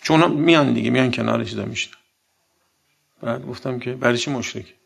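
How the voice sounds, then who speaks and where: A man giving a sermon, arguing with many rhetorical questions and reciting Quranic verses, swinging between loud outbursts and quiet asides. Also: medium pitch, vocal fry, breathy edge. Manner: argumentative, full of rhetorical questions. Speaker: religious speaker.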